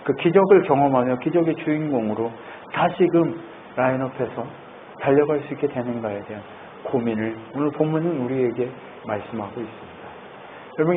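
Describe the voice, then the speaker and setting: Man preaching, lively, animated swings in pitch, tinny phone-like sound, faint noise. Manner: lively, keeps asking the congregation questions. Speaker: pastor. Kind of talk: sermon.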